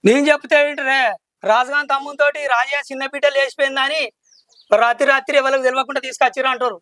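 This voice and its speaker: A man's voice: extremely high pitch, little pitch movement, fast, pushed and bright, dry recording. A man playing an indebted village father, pleading and stubborn by turns. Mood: upset. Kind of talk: village drama acting.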